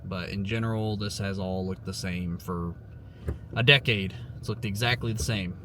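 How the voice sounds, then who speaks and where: A man's voice: fairly low pitch, fairly even intonation, normal speed, noisy background. A man in his thirties from Ohio, chatting casually and rambling with lots of fillers as he drives and vlogs. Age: 30s. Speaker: vlogger. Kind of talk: casual talking while driving. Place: in a car.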